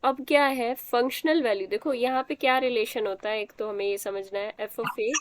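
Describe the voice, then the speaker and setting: A young woman leads a live online math class, explaining step by step and quizzing her students along the way. Her voice is a little high, her speed normal, and crowd noise can be heard.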